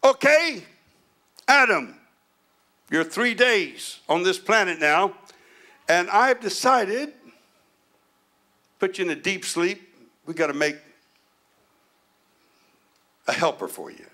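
A man's voice: high-pitched, very animated, slow, pauses often, bright, forceful tone, exaggerated voice. A man voicing God as a patient, folksy creator giving plain-spoken instructions. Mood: instructing.

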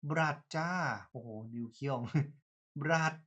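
A man's voice: on the high side, slow, noisy background. A young man hosting a casual, chatty gaming commentary, exclaiming and slangy as he plays. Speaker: gaming channel host. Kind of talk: casual let's-play commentary. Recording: loud game music behind voice.

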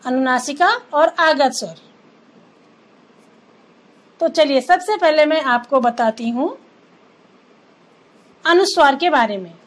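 A woman teacher giving an online grammar lesson to children, slowly listing examples word by word. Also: high voice, poor audio. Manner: slow, clear, listing examples one by one.

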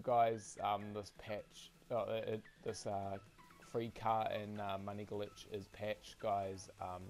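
A man's voice: fairly low pitch, a little mellow. A man hosting his gaming channel, rambling through a casual update with many fillers, restarts and repeats.

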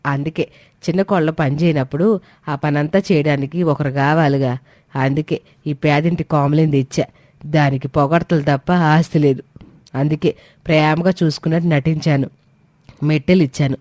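A woman's voice: deep voice, steady tone, normal speed, a little mellow, no room sound, close to an everyday voice. A woman voicing a scheming, domineering middle-aged mother-in-law who talks in a scornful, commanding way. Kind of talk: Telugu audio drama acting.

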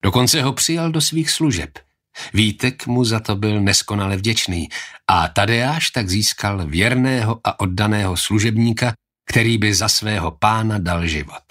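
A man narrating an audiobook in a steady, even storytelling manner. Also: on the low side. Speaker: audiobook reader. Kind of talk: scripted narration.

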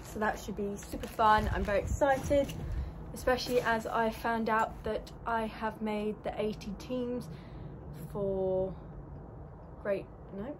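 A young equestrian vlogger chats in an upbeat, rambling way while filming on a phone held at arm's length, moving around a stable yard outdoors and inside a horse lorry. Her mid-range voice has fairly even intonation and a slow pace, and the background is noisy.

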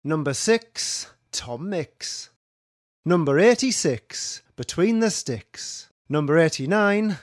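A man's voice: fairly high pitch, dry recording, clean studio sound. A man working as a bingo caller, announcing numbers and their rhyming nicknames in a set sing-song pattern.

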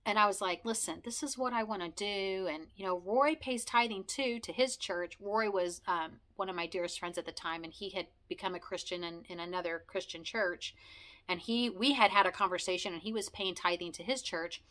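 Bright-voiced chatty woman vlogger. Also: fairly low pitch, fairly quick. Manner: chatty, rambling, with frequent fillers and laughs. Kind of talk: personal heartfelt vlog, talking to camera.

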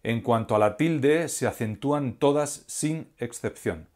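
A man giving a scripted grammar lesson as a teacher, speaking slowly and deliberately and spelling out syllables one by one. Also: mid-range voice, over loud music. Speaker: language teacher.

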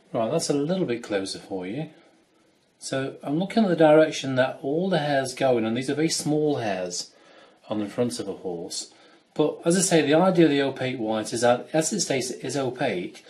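A man giving a relaxed, chatty painting demonstration, talking through his brushwork. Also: medium pitch. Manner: chatty, relaxed, with fillers and asides. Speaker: wildlife watercolour artist teaching.

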